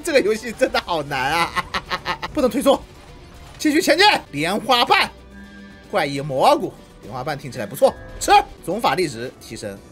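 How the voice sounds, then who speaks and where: A woman narrates her own gameplay at full tilt. Her voice leaps high on the battle cries and sinks low when she mutters, so the pitch moves a lot. Faint game music plays underneath. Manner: excitable, shouts battle cries, laughs at herself. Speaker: gameplay streamer. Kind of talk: live game commentary.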